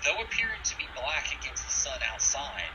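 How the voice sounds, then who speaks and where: A man's voice: mid-range voice, big pitch swings, a little fast. Male game master, distant noisy mic. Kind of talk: tabletop game narration and casual table talk. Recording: distant mic with clear background noise.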